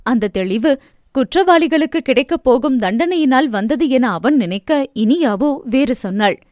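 A woman narrating a novel aloud in a steady, expressive reading. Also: high voice, moderate pace, dry recording, clean studio sound. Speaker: audiobook narrator.

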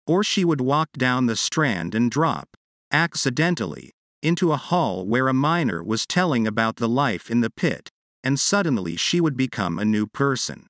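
A man reading a literary short story aloud as a measured narrator, slowing on key phrases. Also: medium pitch, fairly bright tone, no echo, studio quality. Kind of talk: scripted audiobook narration.

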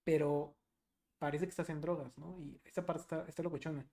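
Animated Mexican man telling a story. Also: a little high, brisk. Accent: Mexican Spanish. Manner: animated storytelling, swearing freely. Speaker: podcast co-host. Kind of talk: casual chat.

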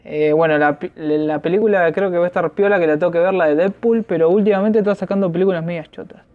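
A man's voice: high-pitched, steady tone, fast talker. Slangy Argentine man gaming, muffled audio. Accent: Rioplatense Argentine Spanish. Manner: slangy, swears, yelps in panic. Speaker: gamer. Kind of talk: casual let's play commentary.

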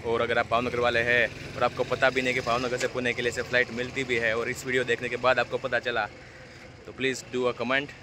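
This travel vlogger, a man in his thirties, speaks fast at medium pitch with a completely flat delivery, yet stays chatty and informal as he guides viewers through a flight and an airport. He's inside a small plane and later outdoors at the airport, recording on a phone at arm's length amid engine and outdoor noise.

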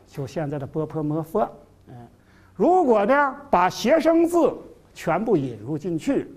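Speaking at medium pitch in a sing-song, darkish tone, a middle-aged university lecturer talks a little slowly. The classroom lecture is thick with fillers, with key phrases repeated and terms stretched for emphasis.

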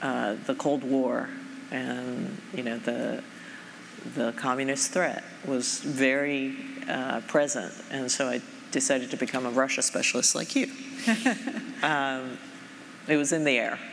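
A woman's voice: very deep voice, steady tone, creaky. A middle-aged woman from Japan, head of a foundation, talking thoughtfully onstage with many fillers. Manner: thoughtful, measured, frequent fillers. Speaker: foundation president. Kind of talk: onstage conversation. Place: large conference stage. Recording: reverberant hall, faint noise.

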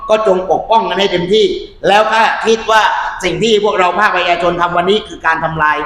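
A man speaking as a civic activist, forceful and rhetorical. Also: high voice, quick pace, echoey room, slight background noise. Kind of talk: impassioned civic talk.

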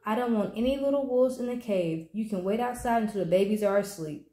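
A woman voicing a patient, tired mother bear who speaks gently and turns firm when she scolds. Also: medium pitch, brisk, close to an everyday voice. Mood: motherly. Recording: roomy echo.

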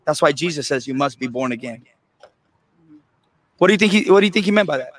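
A man's voice: on the high side, expressive, fast. A man street preaching in conversation outdoors in a parking lot, insistently questioning and quoting scripture. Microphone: handheld interview microphone.

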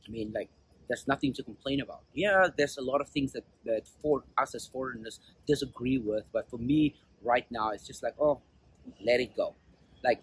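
Recorded outdoors on a clip-on mic, with faint traffic in the background and rough quality, a South African man in his forties talks earnestly to a street interviewer. His mid-range voice is a bit bright, and he uses many fillers and restarts.

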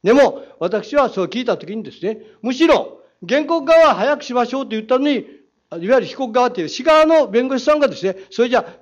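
A man questioning the mayor on a city council floor, combative, with a Saga accent, rhetorical challenges and quoted passages read aloud. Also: extremely high pitch. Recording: dull lo-fi council chamber audio.

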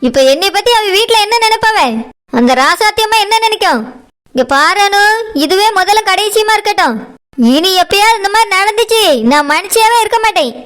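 A woman's voice: very high-pitched, lively intonation, brisk, fairly bright tone. A woman voicing a stern, domineering mother who talks in a harsh, commanding way, in a cartoon. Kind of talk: cartoon voice acting.

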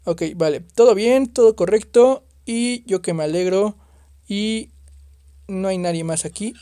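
A man doing excitable let's play commentary on a horror game, exclaiming and swearing at the scares. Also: high voice, measured pace, clean tone, no echo, clean studio sound. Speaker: gaming youtuber.

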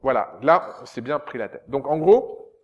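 A man, a stage director and translator, giving a public lecture in a lively, expressive way. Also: medium pitch, moderate pace, lo-fi sound. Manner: animated, expressive speaker who sometimes sounds out rhythms. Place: lecture hall.

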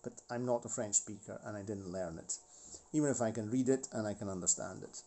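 Forties guy chatting about his model train, warm mellow voice, keeps restarting and wandering off on tangents. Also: fairly low pitch, fairly quick. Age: 40s. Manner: rambling, with frequent restarts and asides. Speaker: model railway channel host. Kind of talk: casual hobby talk about a model locomotive.

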